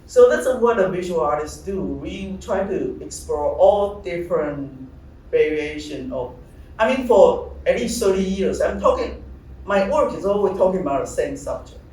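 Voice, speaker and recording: A middle-aged man from Taiwan, a visual artist, giving a halting talk about his slides, often searching for words. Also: on the high side, a little mellow, distant mic. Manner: halting, searching for words, many fillers and restarts. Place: large gallery hall. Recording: echoey hall, speaker off-mic, faint room noise.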